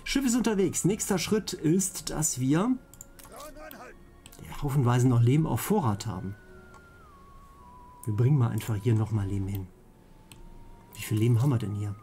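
A man's voice: mid-range voice, unhurried, long pauses, mellow. A man hosting a let's play, chatting casually and playfully repeating words to himself as he plays. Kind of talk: casual gameplay commentary.

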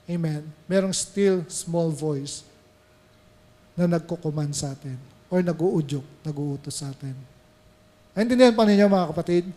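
A man's voice: a little high, measured pace, dark tone, long reverb tail. A male pastor with a Filipino accent preaching a sermon, switching between Tagalog and English and asking the congregation questions. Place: church sanctuary.

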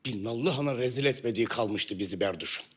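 A man's voice: medium pitch, quick pace, a bit bright, husky. Aggrieved male shopkeeper, middle-aged, historical series, mid-range voice, indignant complaints. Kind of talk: historical drama acting.

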